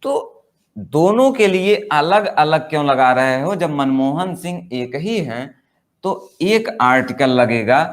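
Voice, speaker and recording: A man teaching English grammar in Hindi, explaining step by step, asking rhetorical questions and reading example sentences word by word. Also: medium pitch. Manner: slow, explanatory, repeats points and asks rhetorical questions. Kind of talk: Hindi-language grammar lesson.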